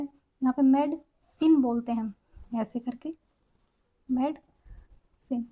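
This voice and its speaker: A woman's voice: sits high, dark tone, low-quality recording. A woman teaching an English pronunciation lesson in Hindi, explaining each word simply and repeating the correct sounds.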